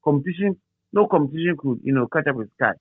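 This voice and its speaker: This interviewee is a middle-aged radio DJ with a Ghanaian accent, casually reminiscing and frequently restating phrases for emphasis. He speaks quickly in a fairly high, expressive voice with a breathy edge; there's no echo, but the line is thin and phone-like, narrow-band.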